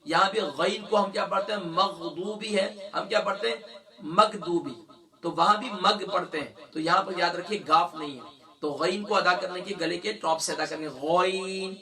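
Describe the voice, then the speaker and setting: High, gravelly male Quran teacher. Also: pushed and bright, distant mic. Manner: asks the class questions, then answers them; drawn-out demonstration of letter sounds. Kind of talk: tajweed lesson.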